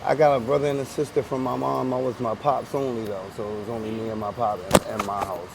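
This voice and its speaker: Heavy background noise surrounds this street interview with a Philadelphia man in his forties, recorded outdoors among passersby. He talks fast in a level, creaky, mid-range voice, using street slang and frequently repeating and restarting himself.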